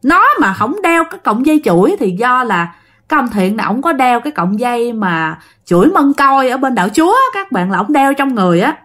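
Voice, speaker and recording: A woman's voice: on the high side, big pitch swings, fairly quick, a bit bright. Chatty Southern Vietnamese woman telling a ghost story. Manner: chatty, addresses listeners directly. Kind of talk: casual spoken ghost story.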